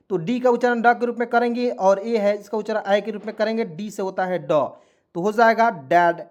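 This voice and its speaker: A man teaching English phonics in Hindi, coaxing viewers to watch closely and spelling words out letter by letter. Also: sits high. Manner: repetitive, coaxing, keeps saying "dekhiyega dosto".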